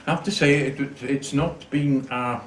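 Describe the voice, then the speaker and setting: A man's voice: medium pitch, fairly even intonation, a little slow. Guy hosting a panel chat, roomy sound, mic a bit far off. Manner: chatty, steers the panel back on topic. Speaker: host of a political review panel. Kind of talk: casual panel discussion. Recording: roomy, mic at a distance, faint hiss.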